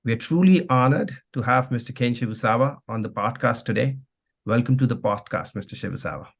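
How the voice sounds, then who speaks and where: A man's voice: mid-range voice, a little fast, vocal fry. A man with an ordinary mid-range voice hosts a podcast interview. He reads out a formal introduction, then asks long, winding questions padded with fillers. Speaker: podcast co-host.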